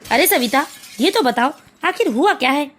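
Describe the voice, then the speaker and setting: A woman voicing an older father in an animated family story, calm and questioning. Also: sits high, normal speed. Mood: puzzled.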